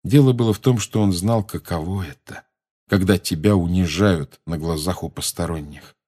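A man narrating an audiobook in an even storytelling manner. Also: low voice, moderate pace, slightly rough. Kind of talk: audiobook reading.

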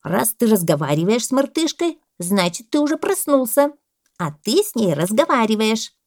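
A woman voicing a fussy, self-important male parrot who talks loudly and lectures. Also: a little high, very animated, moderate pace, voice pushed up. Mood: stern. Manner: loud, bossy and lecturing.

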